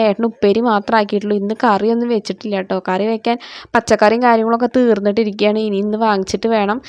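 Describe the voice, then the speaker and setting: A woman in her thirties with a Malayali accent, slightly hoarse, chatting through a morning cooking vlog in her kitchen. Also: mid-range voice, dry recording, highs cut off. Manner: chatty, ends phrases with a soft "tto". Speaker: family vlogger. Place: home kitchen.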